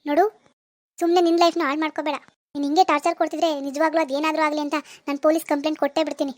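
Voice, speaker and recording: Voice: high-pitched, flat delivery, rapid-fire, a little mellow, no room sound, clean studio sound, close to an everyday voice. A performer voicing a pushy young man who stalks a schoolgirl in a cartoon, syrupy one moment and menacing the next. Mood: threatening. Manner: menacing and syrupy, calls her baby. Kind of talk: Kannada cartoon voice acting.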